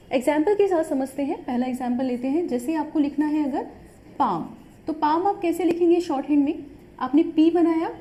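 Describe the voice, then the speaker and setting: A woman with a high, warm voice teaches a shorthand course as a step-by-step tutorial. She is patient, repeats her points and checks in often with "ठीक है". A little hiss or hum sits under the audio.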